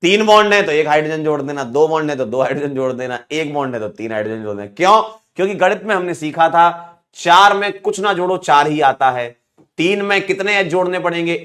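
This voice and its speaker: Male chemistry teacher from India, bright slightly high voice, playful teasing manner, live online class. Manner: playful, teasing, counts aloud.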